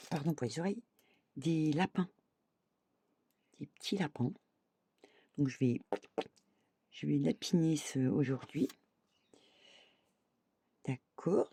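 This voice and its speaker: A woman's voice: sits low, vocal fry, warm tone, a little hiss or hum. A woman craft vlogger chatting casually to her viewers, thinking aloud and dotting her talk with little "hop" and "voilà".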